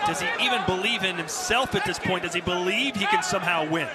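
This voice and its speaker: A man's voice: sits high, fast. A man doing live kickboxing play-by-play commentary with a dramatic, storytelling delivery. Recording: loud arena crowd noise behind. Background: roaring crowd in an arena.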